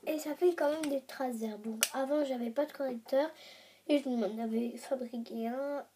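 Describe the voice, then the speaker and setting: A woman's voice: sits high, normal speed, background noise. A young woman chatting casually in a beauty vlog, her voice nasal and stuffed up from a cold. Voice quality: nasal, congested with a blocked nose from a cold. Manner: chatty, informal, self-deprecating. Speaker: beauty vlogger. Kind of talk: casual chatty vlog, showing homemade makeup.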